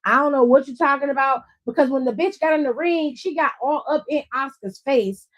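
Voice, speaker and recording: A woman's voice: sits high, brisk. A woman hosting a casual livestream recap, talking in a sassy, blunt and profane way and laughing often. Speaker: host of a wrestling after-show.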